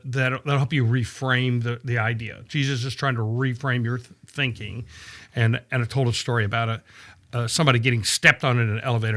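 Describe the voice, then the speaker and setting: A man explaining scripture in a casual podcast chat, animated and storytelling, often checking in with "right?". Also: mid-range voice. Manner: animated storytelling, acts out quoted voices, frequent "right?" checks. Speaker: podcast guest discussing scripture. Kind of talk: casual conversational Bible teaching.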